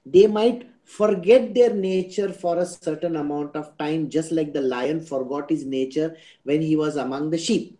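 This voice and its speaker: A man's voice: a little high, moderate pace, mellow. A man with an Indian English accent giving a spiritual discourse, teaching didactically through everyday examples and checking in with rhetorical questions.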